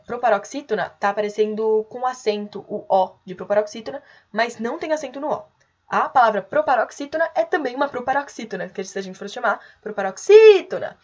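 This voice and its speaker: A young adult woman teaching an online grammar lesson, explaining patiently and clearly and calling out example words. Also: medium pitch, lo-fi sound.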